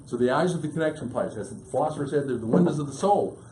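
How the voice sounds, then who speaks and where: A man delivers a seminar to a live audience, running through his points in a rapid, emphatic way. His voice is mellow and of middling pitch. The room around him is roomy and echoing, with a faint hum underneath. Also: expressive. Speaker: business speaker.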